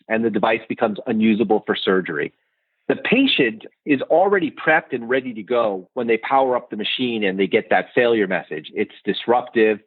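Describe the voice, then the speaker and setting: A company founder giving a confident, rehearsed business pitch over a remote line. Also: male voice, slightly rough, no room sound. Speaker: company founder in sponsor segment. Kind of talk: scripted sponsor pitch. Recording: dry, phone-like remote line.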